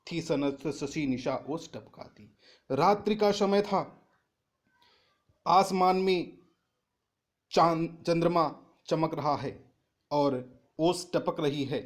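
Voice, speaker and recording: A male teacher with a somewhat high-pitched voice works through a poem line by line. He reads each verse, then restates it in simple everyday words. His voice lifts in pitch and volume when he stresses a point. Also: slow, long pauses. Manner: rises in pitch and volume on emphatic paraphrases. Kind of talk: reading and explaining a Hindi poem.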